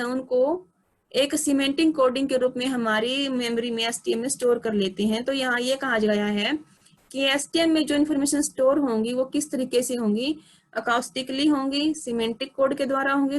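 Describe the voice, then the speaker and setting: A woman teaching a lesson, explaining slowly and deliberately through lists of examples. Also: high voice. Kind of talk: explanatory lecture.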